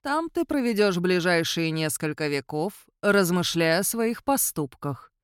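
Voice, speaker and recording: A woman reading an audiobook voices an ancient male vampire count who speaks in a quiet, measured and coolly superior way. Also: sits high, lively intonation, smooth, dry recording, studio quality. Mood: cool, menacing. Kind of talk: audiobook character voice.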